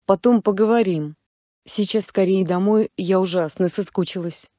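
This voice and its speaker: A woman voicing a young fiancée who is hurt and fierce, sharp when angry. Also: mid-range voice, moderate pace, no echo, studio quality, natural voice. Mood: worried. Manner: cold then furious.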